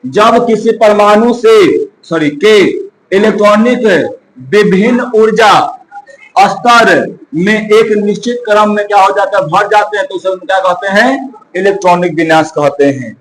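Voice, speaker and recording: A man's voice: high voice, measured pace, a bit bright, low-quality recording. A male coaching teacher, giving a chemistry lesson, asking and answering his own questions and counting aloud.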